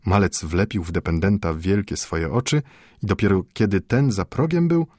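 A man narrating a literary story in a measured, even manner. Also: sits low, no echo. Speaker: audiobook narrator. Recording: dry close studio sound.

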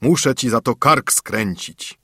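A man voicing a huge, haughty male spirit freed from a bottle in a fairy tale, speaking slowly and threateningly. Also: pushed and bright, husky, no room sound, clean studio sound. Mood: menacing. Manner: slow, booming and threatening. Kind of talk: storybook narration.

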